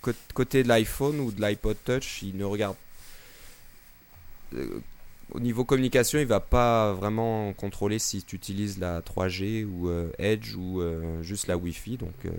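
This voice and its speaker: A man co-hosting a casual technical discussion, with a hoarse, broken voice that cracks, explaining things haltingly. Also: fairly low pitch, a little mellow. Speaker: podcast co-host.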